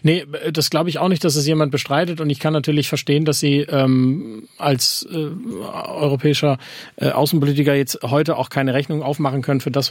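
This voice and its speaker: A man's voice: medium pitch, no room sound, clean studio sound. A man hosting a radio call-in discussion, asking probing questions with some hesitation. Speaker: radio host. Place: radio studio.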